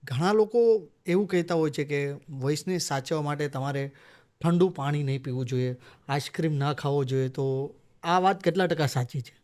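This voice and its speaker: A man's voice: a little high, normal speed, a little mellow. A man hosting a podcast interview, asking direct questions and giving short acknowledgements. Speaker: podcast host. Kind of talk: interview questions and brief replies.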